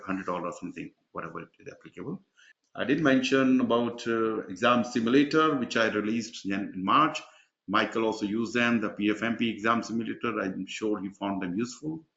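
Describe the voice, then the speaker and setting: A man with a lowish, fairly bright voice and vocal fry hosts an online webinar as an exam mentor. He's chatty and rambling with many fillers, and the video call audio sounds dull and echoey.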